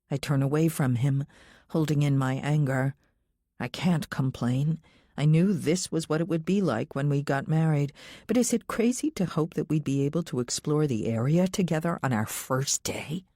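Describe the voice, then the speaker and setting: A woman with a low, mellow voice reads a thriller audiobook in the first person from a script. The sound is dry, with very little room around her and no room sound.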